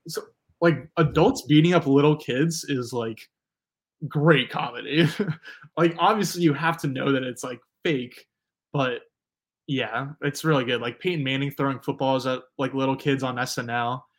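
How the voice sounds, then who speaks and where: A man's voice: medium pitch, moderate pace. A man co-hosting a sports podcast, talking casually and filling his sentences with "like". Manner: fills his speech with "like". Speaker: podcast co-host. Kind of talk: casual chat.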